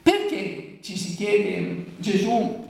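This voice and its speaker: Gravelly preacher in a very echoey room. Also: mid-range voice, very animated, drawn-out words, a little mellow, recorded from a distance. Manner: asks rhetorical questions and answers them. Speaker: preacher explaining the Gospel. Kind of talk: Bible commentary talk.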